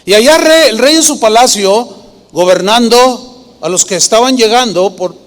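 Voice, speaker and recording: Emphatic pastor preaching. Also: male voice, very high-pitched, expressive, normal speed, big-room sound. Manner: emphatic, quizzes the congregation with rhetorical questions. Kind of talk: sermon.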